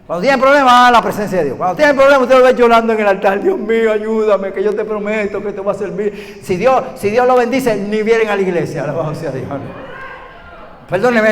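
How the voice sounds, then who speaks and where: A preacher with a strikingly high voice delivers an animated sermon, acting out little dialogues as he goes. His delivery swings from shouts to hushed asides. The hall adds a long reverb, with a faint noise underneath.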